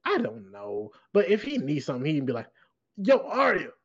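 A podcast co-host giving animated, giggly opinions in casual chat. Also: mid-range voice, fast, breathy edge. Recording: dull lo-fi podcast audio.

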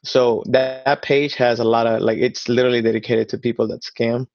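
Creaky, gravelly guy from ecuador in his 30s, stops and restarts a lot, dull lo-fi sound. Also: medium pitch, little pitch movement, dry recording. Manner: halting, repeats words and restarts. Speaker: guest. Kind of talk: casual chat.

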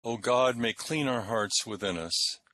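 A man leading church prayers as a minister, reciting in a measured, solemn and formal way. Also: mid-range voice, pushed and bright, a little hiss or hum. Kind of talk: liturgical recitation and sermon.

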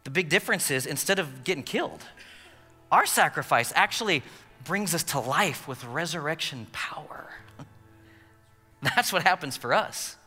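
An American man preaching a sermon with emphatic, repeated phrases, dramatic pauses and a colloquial, humorous touch. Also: fairly high pitch, expressive, sharp tone, husky. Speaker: pastor preaching. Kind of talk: animated sermon with acted-out asides. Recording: long hall reverb, music underneath.

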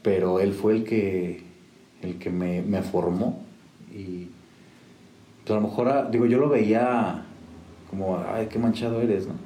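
A low, mellow-toned man recounts his musician days in casual, rambling speech full of restarts. He is recorded in an echoey room with faint background noise. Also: slow pace, pauses often. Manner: rambling with many restarts and fillers. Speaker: musician guest. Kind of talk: casual storytelling.

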